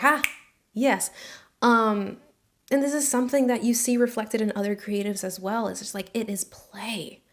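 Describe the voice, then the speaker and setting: A freelance designer in her twenties with an American accent talks candidly to camera in a casual vlog, tossing in slangy asides. Her voice sits in the mid range.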